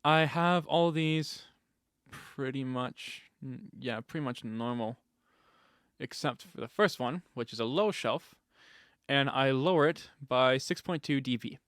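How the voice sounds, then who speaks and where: A man's voice: medium pitch, measured pace, a bit bright, no room sound, clean studio sound. A man giving a casual step-by-step tutorial on voice effects, explaining settings plainly with fillers and restarts.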